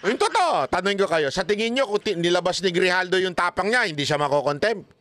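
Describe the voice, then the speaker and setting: A man's voice: high voice, expressive, fairly quick, a bit bright, dry recording. A man giving casual political commentary, mocking and laughing often, throwing rhetorical questions at his viewers.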